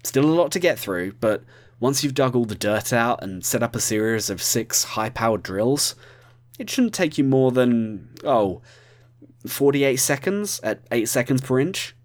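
A man's voice: mid-range voice, animated, unhurried. A man narrating a heist story from a script, now and then speaking straight to the listener. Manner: addresses the listener directly.

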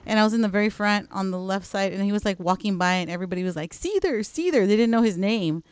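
A woman in her thirties chats casually as a co-host and spins stories with easy laughter. Her voice sits at a middling pitch. The sound is dry and close, with no room around it. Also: darkish tone, smooth, no echo. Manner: chatty storyteller, quick laughs. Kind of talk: casual chat.

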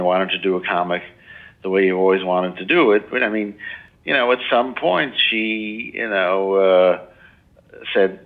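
A man in his sixties talks as a biographer on a radio-style interview, his low voice bright and forward. He rambles through his answers, circles back with "you know," and slips into playful voices when he tells a story. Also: rough recording. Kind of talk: casual interview talk.

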